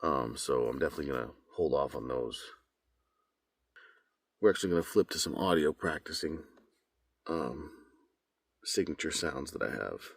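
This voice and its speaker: Very deep-voiced man rambling casually. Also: expressive, normal speed, gravelly, pauses often, breathy edge, dry recording. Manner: rambling, many fillers and restarts. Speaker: voice actor. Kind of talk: casual vlog talk. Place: home voice-over booth.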